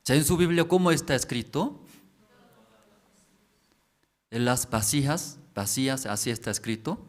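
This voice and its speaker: A man's voice: mid-range voice, animated, measured pace. A man preaching as a pastor. He repeats phrases and keeps asking the congregation questions. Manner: repetitive, asks the congregation questions. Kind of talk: slow sermon explaining scripture.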